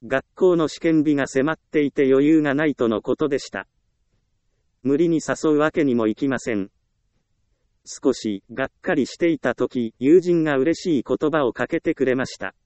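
A man reads a self-help book aloud in a steady, measured way, pausing evenly between phrases. His voice sits in an ordinary middle pitch. The recording is close and dry, with no room echo. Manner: calm, measured reading with even pauses. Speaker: audiobook narrator.

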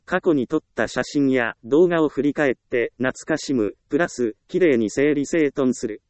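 A man giving scripted self-help narration in a calm, measured reading with frequent short pauses. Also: medium pitch, dry recording.

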